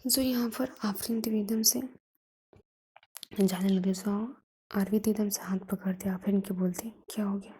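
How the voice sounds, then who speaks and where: A woman telling a love story in a soft whisper, narrating each move as whispered storytelling. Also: mid-range voice, steady tone, measured pace, long pauses, slight background noise.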